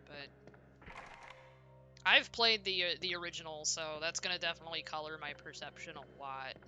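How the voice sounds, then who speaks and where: A woman's voice: low voice, moderate pace, pushed and bright, faint music behind. A woman streaming a horror game, chatting casually and reacting aloud as she plays, self-deprecating and talkative. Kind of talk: casual gameplay commentary.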